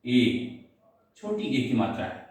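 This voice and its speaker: A man's voice: mid-range voice, sing-song, slow pace, darkish tone. A man teaching Sanskrit grammar, explaining step by step, spelling out syllables and asking his students questions. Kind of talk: slow classroom explanation. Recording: echoey room, voice from far off.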